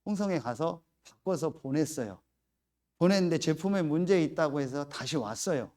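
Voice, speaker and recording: Animated middle-aged male pastor preaching. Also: a little high, normal speed. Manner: animated storytelling, acting out his own angry outbursts. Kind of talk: sermon with personal story.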